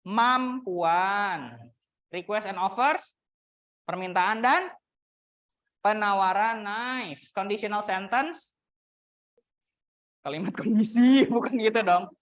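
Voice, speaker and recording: A young woman teaching an English class in a classroom, chatty and teasing, slowing down to model example sentences. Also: mid-range voice. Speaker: university English lecturer. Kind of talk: classroom lecture.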